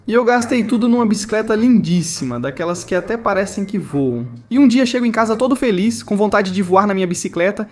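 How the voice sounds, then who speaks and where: A man narrating funny family anecdotes with animated, exaggerated comic delivery. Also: sits high. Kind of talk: scripted comedic story narration.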